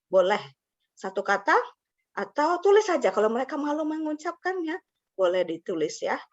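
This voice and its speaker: This woman's high-pitched voice swings widely in pitch at a normal speed as she runs an online webinar for training teachers. Chatty and quick to laugh, she sprinkles in English words; the call audio sounds a bit dull and low-fidelity.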